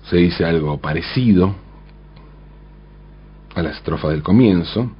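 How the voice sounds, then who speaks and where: Over dull audio, a husky, low-voiced man analyzes song lyrics, sounding animated yet speaking a little slowly. His commentary stays thoughtful and measured, with frequent rhetorical "¿no?" and self-corrections.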